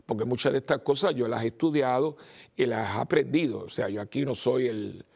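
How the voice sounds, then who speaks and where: An older priest with a mixed Spanish accent gives an informal, rambling homily, repeating words and pausing with fillers. His voice is medium-pitched and darkish, with vocal fry.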